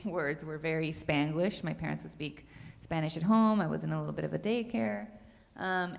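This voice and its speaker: A woman's voice: on the low side, creaky. A woman from Bolivia, a filmmaker talking loosely on a panel. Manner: loose, with fillers and restarts. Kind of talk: casual panel talk. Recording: long hall reverb.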